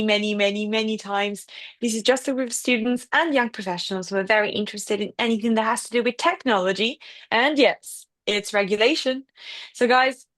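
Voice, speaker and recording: Young female podcast host, slightly high voice, enthusiastic and chatty. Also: a bit bright. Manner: chatty and enthusiastic, frequent fillers. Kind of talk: casual podcast hosting.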